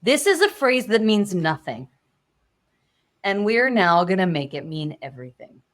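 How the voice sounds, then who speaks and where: A woman public speaking coach on a podcast, talking in an expressive, animated way and shifting her tone often. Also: medium pitch, a little slow.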